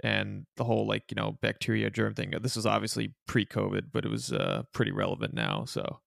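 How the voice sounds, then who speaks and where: A young man co-hosting a podcast, telling stories in a relaxed, casual way. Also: fairly low pitch, fairly quick, vocal fry, no room sound, clean studio sound. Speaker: podcast co-host. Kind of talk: casual chat.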